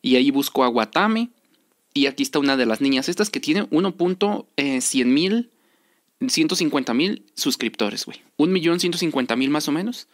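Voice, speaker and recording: A man's voice: on the high side, expressive, moderate pace. A young man with a Mexican accent giving casual, rambling game commentary in slangy, informal speech, repeating himself for emphasis. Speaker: gaming video creator. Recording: music under the voice.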